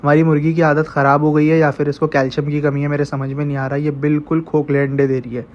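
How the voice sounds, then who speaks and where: A man with a blocked-up, congested voice talks through a casual home vlog, calling the animals over in an even, unvarying tone. The sound is slightly dull, with faint ambience behind him, as if picked up on a handheld phone in an animal pen. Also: on the high side, fast, slight background noise. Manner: chatty, coaxing the animals directly. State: congested and stuffy. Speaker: vlogger raising goats and chickens at home. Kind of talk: casual narrated farm vlog.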